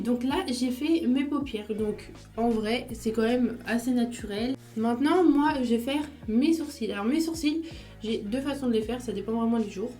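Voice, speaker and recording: A woman's voice: on the high side, dark tone. A woman chatting casually through her makeup routine step by step, with small fillers as she goes. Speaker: beauty vlogger.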